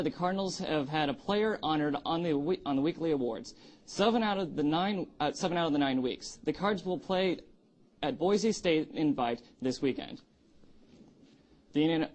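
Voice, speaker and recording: Male sports anchor, slightly high voice, nervous, stumbling and halting over scripted copy. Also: a little mellow, slight background noise, low-quality recording. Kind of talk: scripted sports news reading.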